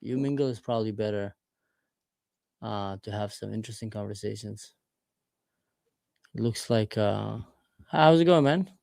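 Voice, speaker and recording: Here a man from Israel in his forties talks casually with strangers over a livestream video chat, full of questions. He sounds lowish, unhurried and creaky with a darkish tone, pausing often, and his desk camera mic shows no echo.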